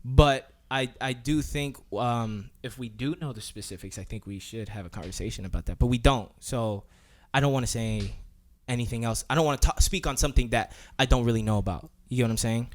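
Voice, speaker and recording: Man, podcast co-host, casual chat, mid-pitched voice, animated, lots of restarts and fillers. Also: fairly quick, hardly any pauses.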